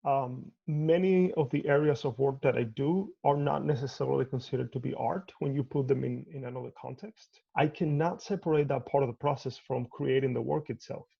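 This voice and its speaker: A man's voice: mid-range voice, vocal fry, breathy edge, lo-fi sound. A man from Cuba, an artist talking thoughtfully in a video call interview from home, often restarting his sentences. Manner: measured, thoughtful, with frequent restarts.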